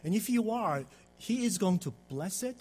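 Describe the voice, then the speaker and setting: A man preaching a sermon in short phrases and pausing so an interpreter can follow, with frequent fillers. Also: sits high, lively intonation, darkish tone, slight background noise. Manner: halting, with frequent fillers and pauses between phrases. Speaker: pastor.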